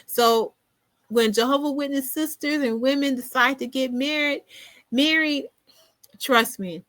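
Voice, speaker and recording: A woman hosting a podcast in casual solo commentary, animated, often laughing and repeating words for emphasis. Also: high voice, a little slow, dry recording. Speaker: podcast host.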